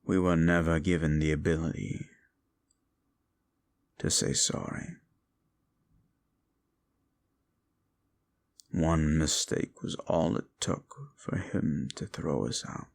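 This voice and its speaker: In an audio roleplay drama, a man plays a brooding, bitter fallen demon who lectures the listener slowly and condescendingly. His voice is extremely low, creaky and exaggerated, held at a steady tone.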